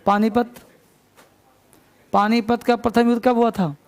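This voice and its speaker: High, gravelly male teacher dictating slowly. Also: flat delivery. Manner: slow spelling out words letter by letter. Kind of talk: classroom dictation lesson. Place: classroom.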